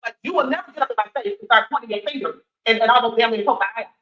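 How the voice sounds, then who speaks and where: Woman in her 60s, high bright voice, fast and emphatic, defensive interview answers, roomy dull audio. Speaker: city council candidate.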